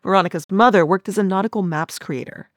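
Female podcast host, measured scripted narration, dry close sound. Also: medium pitch, no echo.

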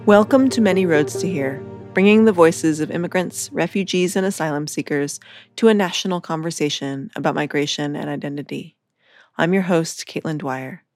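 A woman hosting a podcast, giving a calm, measured scripted introduction. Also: low-pitched, no room sound. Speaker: podcast host.

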